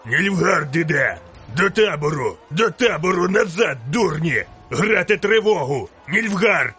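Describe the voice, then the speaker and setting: A man voicing a grim male witcher in an audiobook, shouting urgent warnings up high. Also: expressive, unhurried, breathy edge, soft background music, full character voice. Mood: alarmed.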